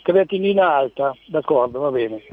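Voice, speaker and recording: A man's voice: on the high side, expressive, normal speed. A man calling in to a radio show over a phone line, talking in a rambling way and stumbling over repeated words. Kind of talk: call-in chat. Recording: tinny dry phone line.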